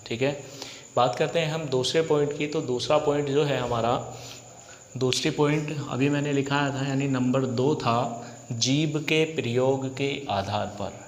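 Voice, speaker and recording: A Hindi teacher lecturing a class for exam prep. He asks rhetorical questions and answers them himself, and he repeats key points slowly. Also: mid-range voice, echoey room, big-room sound.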